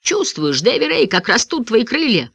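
A man doing an excited shouting young boy. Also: very high voice, moderate pace, gravelly, slightly rough, no room sound, voice pushed up, full character voice. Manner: shouting eagerly.

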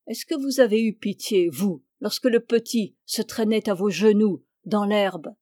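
Calm, stern young accuser, read by a woman; measured, dry sound. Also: medium pitch, dry recording, close to an everyday voice. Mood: accusing.

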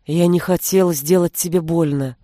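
A woman voicing a gentle, coaxing young male wizard in a storybook reading, with a lowered, soothing voice. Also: steady tone, normal speed, no echo, studio quality, close to an everyday voice. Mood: tender.

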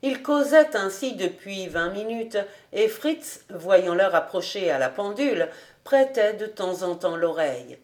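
A French woman reading a classic novel aloud as an audiobook, in a measured, unhurried way. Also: mid-range voice, big pitch swings, darkish tone. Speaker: audiobook reader.

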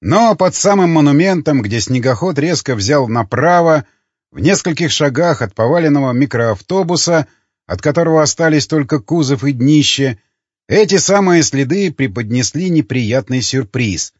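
Male narrator, husky and expressive, dry close recording. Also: fairly high pitch, normal speed, dry recording, dull audio. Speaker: audiobook narrator. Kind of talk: scripted narration.

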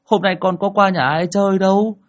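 A man's voice: high-pitched, steady tone, voice pushed up, lightly acted. A man doing a stammering frightened boy. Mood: scared. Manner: stammering, halting. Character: frightened young village boy. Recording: soft music behind.

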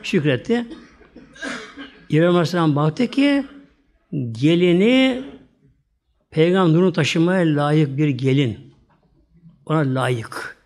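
A man's voice: fairly high pitch, expressive, unhurried, long pauses, darkish tone. Man preaching through a sacred story. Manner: addresses listeners as "muhteremler", tags phrases with trailing "böyle"; acts out characters' quoted lines in his own voice. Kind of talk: religious storytelling talk.

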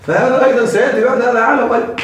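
High-voiced man teaching grammar, echoey room. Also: steady tone, very fast, far from the mic, a crowd in the background. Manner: quizzing students, repeating terms with rising questions. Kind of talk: classroom grammar lesson.

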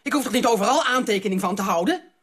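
An indignant department head. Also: female voice, medium pitch, expressive, fast talker, fairly bright tone, breathy edge. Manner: indignant, demanding. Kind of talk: radio drama acting.

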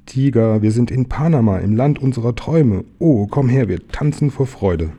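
Man reading as a cheerful little bear, excited exclamations, low mellow voice. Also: moderate pace, husky. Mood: overjoyed. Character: little male bear, cheerful and sure of himself.

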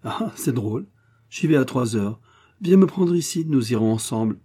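A man's voice: medium pitch, expressive, moderate pace, husky. A man voicing a haughty, hot-tempered Russian prince who gives orders and rages in a storybook reading. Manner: imperious, shouting in fury.

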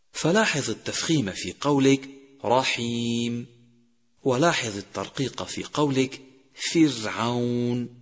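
Husky man teaching tajweed in a reverberant hall. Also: mid-range voice, fairly bright tone. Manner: slow, drawn-out recited example words. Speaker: Quran recitation teacher. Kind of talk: tajweed lesson.

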